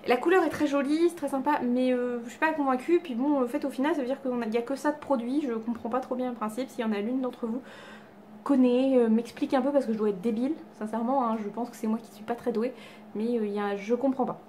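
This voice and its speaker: A woman's voice: a little high, steady tone, fast talker, a little mellow, a little hiss or hum. A woman chatting casually to camera about her makeup haul, self-deprecating and full of fillers and restarts, at home. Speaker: beauty vlogger. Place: home with cats around.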